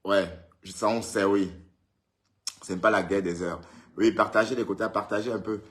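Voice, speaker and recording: A man's voice: lowish voice, steady tone, normal speed, a bit bright. A man hosting a casual live stream, greeting viewers by name and teasing them in a chatty way. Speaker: livestream host. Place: indoors, at home in Europe.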